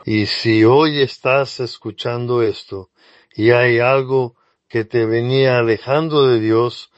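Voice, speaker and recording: A man's voice: medium pitch, fairly even intonation, takes it slowly, dry recording, lo-fi sound. A man giving a scripted devotional sermon, speaking earnestly and straight to the listener. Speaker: preacher.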